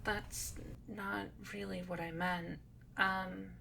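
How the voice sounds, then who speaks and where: A woman's voice: medium pitch, flat delivery, takes it slowly, vocal fry, exaggerated voice. A woman voicing a shy, nervous cat-eared girl in an ASMR role-play, hesitant and stammering. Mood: puzzled. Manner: hesitant, stammering, soft-spoken.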